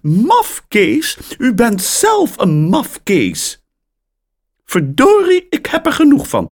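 A man voicing an older lady on the phone who keeps mishearing and turns cross, in a high, shrill voice. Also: wildly swooping pitch, extremely slow, full character voice. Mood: angry. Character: confused, short-tempered older lady on the phone.

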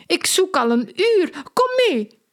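A woman voicing an excitable, fussy adult woman circus clown in a children's storybook, her voice high and exclaiming. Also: slow, exaggerated voice. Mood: frantic, excited. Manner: shrill and exclaiming. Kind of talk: storybook character voice.

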